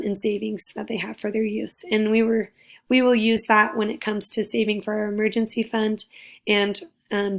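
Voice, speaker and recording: A young woman presenting a class project, her voice raspy because she is losing it, upbeat and full of fillers. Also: mid-range voice. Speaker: student presenter.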